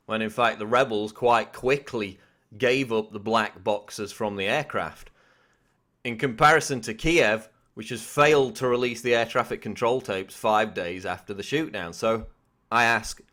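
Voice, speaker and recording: In a lowish, slightly bright voice, a man delivers scripted political news commentary to camera. His manner is insistent and questioning.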